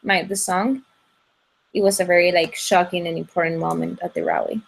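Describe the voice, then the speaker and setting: A young woman from Ecuador talks in a casual interview. Her English comes in halting bursts, full of restarts and fillers. Her voice comes through a video call. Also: fairly low pitch, steady tone, gravelly, slight background noise. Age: young adult. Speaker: guest singer.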